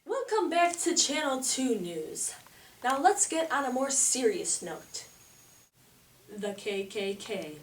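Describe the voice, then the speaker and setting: In an amateur mock newscast, a woman plays a flighty, flirtatious, slangy 1920s news anchor with theatrical, mock-serious flair. Her high voice swings widely in pitch and is slow and exaggerated, recorded at a distance in an echoey room with faint noise.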